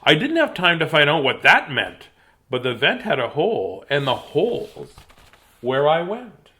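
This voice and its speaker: A man's voice: on the high side, wildly swooping pitch, unhurried, sharp tone, pitched above the performer's own voice, heavily acted. A man voicing a hapless young storybook hero who tells his troubles in dramatic, plaintive rhyme. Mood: fretful.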